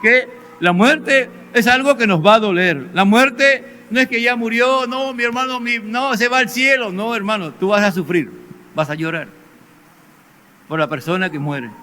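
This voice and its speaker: A man preaching, his voice high and bright as he presses his points on the congregation. He often stops to ask his listeners questions. A faint hum of noise sits under the sermon. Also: moderate pace. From Peru. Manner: emphatic, addresses congregation directly with rhetorical questions. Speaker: pastor. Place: church service.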